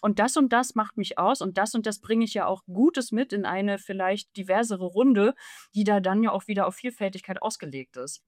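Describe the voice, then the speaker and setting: A woman's voice: mid-range voice, moderate pace, dry recording, studio quality. Emphatic woman in her thirties. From East Germany. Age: 30s. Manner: fluent, emphatic, runs long sentences. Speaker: author and journalist guest. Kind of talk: radio interview answer.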